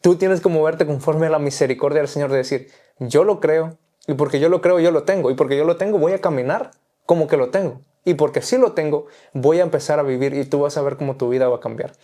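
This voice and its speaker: Guy preaching in a chat, earnest and pushy, kinda dark mellow voice. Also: a little high, quick pace. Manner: earnest, exhorting, repetitive phrasing. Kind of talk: preaching in conversation.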